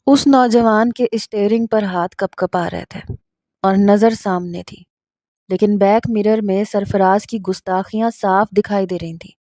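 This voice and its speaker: A woman narrates a first-person story in a steady, earnest manner. Her voice is mellow and soft-edged. It is recorded dry and close, with no room sound. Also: mid-range voice, dry recording.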